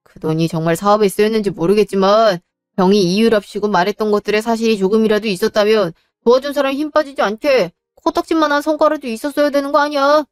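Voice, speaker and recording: A woman's voice: fairly high pitch, fast, clean tone, no room sound, studio quality, faint music behind, close to an everyday voice. A woman voicing a young married man, a blunt younger son arguing with his mother and brother in a dramatized story. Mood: resentful.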